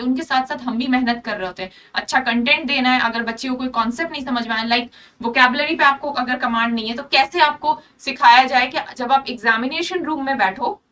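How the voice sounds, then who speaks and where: High, bright-voiced woman teacher drilling vocabulary. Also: recorded from a distance. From India. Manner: repeats words drill-style, keeps asking "clear?"; explains through memory tricks and little stories. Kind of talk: online exam-prep lesson.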